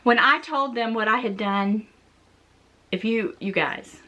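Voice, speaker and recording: A middle-aged woman talking straight to her viewers with a bright, forward tone that sits a little high. She tells her story casually and with a lot of life, laughing and exclaiming along the way. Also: unhurried, dull audio, slight background noise. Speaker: fashion vlogger.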